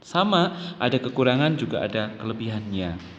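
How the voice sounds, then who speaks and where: A man's voice: on the low side, big pitch swings, normal speed, long reverb tail, muffled recording, a little hiss or hum. A man with an Indonesian accent explains public speaking methods to an audience, often adding "nah" and "ya". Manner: explanatory, addresses listeners, frequent "nah" and "ya". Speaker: instructor. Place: office or meeting room.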